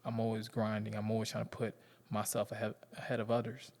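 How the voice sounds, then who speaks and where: A man's voice: on the low side, completely flat delivery, quick pace, vocal fry, darkish tone. A man in his thirties with a Southern US accent, talking candidly and rambling to his viewers in slangy casual speech. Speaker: vlogger.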